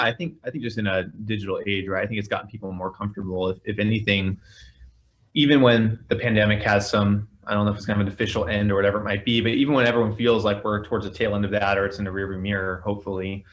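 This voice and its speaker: A man's voice: on the low side, fairly even intonation, quick pace, fairly bright tone. A man on a panel, talking casually in a conversational way with many qualifications.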